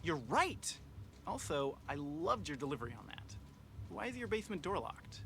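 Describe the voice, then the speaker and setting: An actor playing a playful young boyfriend, teasing and upbeat. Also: male voice, fairly high pitch, very animated, moderate pace, gravelly, bright, forceful tone, a little hiss or hum, heavily acted.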